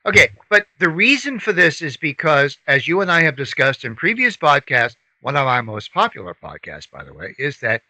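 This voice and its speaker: A man's voice: fairly high pitch, pushed and bright, no room sound, poor audio. A man co-hosting a podcast, talking politics in a punchy, sarcastic way. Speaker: podcast co-host. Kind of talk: casual political chat.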